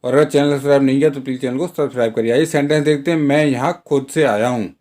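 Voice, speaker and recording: A man hosting an English lesson, explaining sentences in Hindi and repeating each English example slowly and deliberately, checking in often with short asides. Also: medium pitch, darkish tone. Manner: frequent "theek hai" check-ins. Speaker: English teacher.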